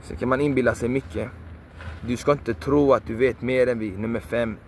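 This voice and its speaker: A man's voice: mid-range voice, steady tone, slight background noise. A man giving a passionate motivational monologue, repeating phrases emphatically, swearing for emphasis and sounding preachy. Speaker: video creator.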